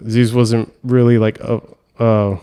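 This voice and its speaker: A young man from Hawaii hosting a podcast, telling animated stories and acting out voices and sounds. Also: mid-range voice, takes it slowly, smooth. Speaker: podcast host. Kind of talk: casual storytelling chat.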